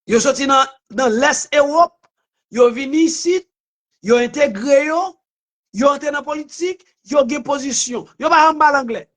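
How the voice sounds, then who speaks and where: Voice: high voice, a little slow, a bit bright. A commentator giving an impassioned motivational monologue, blunt and emphatic, repeating points and using crude words. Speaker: online commentator.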